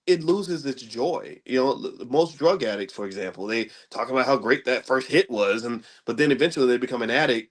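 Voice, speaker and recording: A middle-aged man, casually explaining money ideas in a rambling style and often checking in with "right?". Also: medium pitch. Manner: conversational, rambling with restarts, asks listeners "right?". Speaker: commentator on economics. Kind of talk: casual lecture-style talk.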